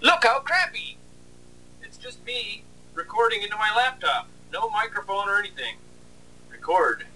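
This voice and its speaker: Sarcastic and mock-complaining, an animator and video host gives casual behind-the-scenes narration. He has a high, bright, forceful voice with big pitch swings at a normal speed, and the faraway mic catches faint background noise.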